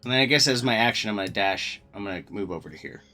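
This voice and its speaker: A man's voice: on the low side, expressive, rapid-fire, bright, forceful tone. A man playing a tabletop game, thinking his moves through aloud with fillers. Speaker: player. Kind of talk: casual tabletop game chat.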